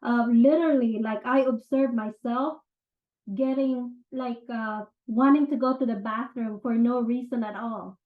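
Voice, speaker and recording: Her voice sits on the high side, steady in tone and unhurried, as this Filipino-accented woman from the Philippines explains personal change. A self-improvement teacher talking casually to camera, she fills her speech with fillers and "right?" check-ins. The recording is tinny and phone-like, in an echoey space.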